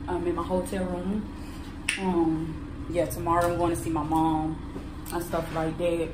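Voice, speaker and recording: A vlogger in her thirties talks casually to her phone camera, held close at arm's length, from a car and a hotel bathroom, blunt, profane and repeating herself as she chats. Her voice is lowish with little pitch movement and a measured pace. The sound is roomy, with background noise.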